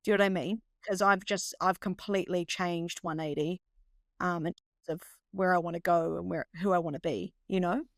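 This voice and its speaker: A young woman with a New Zealand accent, a guest telling stories in a casual interview, upbeat and animated with lots of "you know". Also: fairly low pitch, brisk, dry recording, studio quality. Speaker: guest, professional cricketer.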